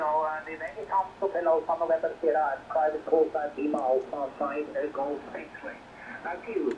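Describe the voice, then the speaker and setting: A man working as an amateur radio operator, heard over a shortwave signal that fades and breaks up, talking haltingly with many fillers while spelling out call signs. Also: fairly high pitch. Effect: shortwave radio signal, fading and breaking up. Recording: dull, echoey, noisy shortwave radio audio.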